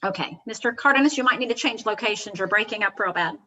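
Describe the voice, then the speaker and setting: A woman working as a court clerk, calling cases over a conference call in a brisk, businesslike way. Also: mid-range voice, sharp tone, slight background noise. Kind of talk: running a court docket.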